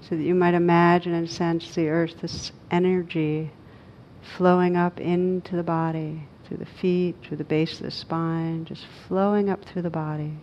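A woman who teaches meditation leads a guided session, keeping her low voice very level. Her wording is soft and spacious, with pauses setting each short instruction apart. There's a little hiss or hum, and the sound is slightly dull.

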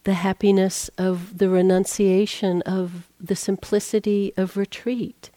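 A woman meditation teacher giving a dharma talk, gentle and reflective, often telling stories and quoting others. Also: medium pitch, level tone, a little slow, no echo. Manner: gentle, reflective, storytelling with quoted voices.

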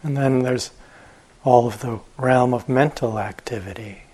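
A man acts as teacher for a guided meditation, speaking in a husky voice pitched in the middle range. His delivery is very slow and gentle, with short phrases and long, unhurried pauses between them.

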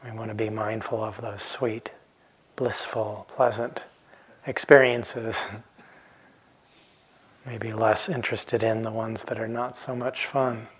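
Slow, reflective man in his fifties. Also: on the low side, husky. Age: 50s. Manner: calm, reflective, pausing often with soft trailing phrases. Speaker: meditation teacher. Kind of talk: dharma talk. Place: retreat center hall.

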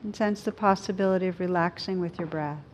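Woman meditation teacher, gentle, with background rumble. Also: fairly even intonation, rough recording. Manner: unhurried, gentle guiding delivery with frequent pauses. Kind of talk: dharma talk leading into guided meditation. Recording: clear low rumbling background noise.

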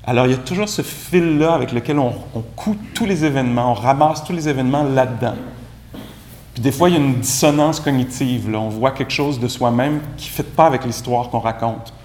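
A man with a Québécois French accent giving a relaxed, conversational Buddhist dharma talk as a meditation teacher, with gentle self-mocking humor. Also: medium pitch, brisk. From Quebec. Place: room with a live group. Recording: echoey room recording.

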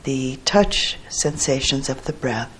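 A woman with a husky, low voice teaches a guided meditation, gently and deliberately, leaving pauses after each short phrase. She sounds animated, and there's a slight hiss or hum.

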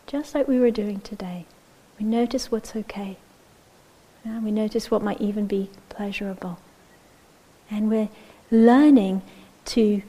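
A woman meditation teacher giving a gentle, unhurried dharma talk, often checking in with "yeah?" and sometimes dropping to a near-whisper. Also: a little high, rough recording.

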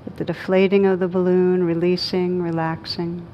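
In a dull, lo-fi recording marked by rumbling noise, a female meditation teacher speaks to a live group in a room. Her guidance comes slowly and calmly, soothing, with long pauses.

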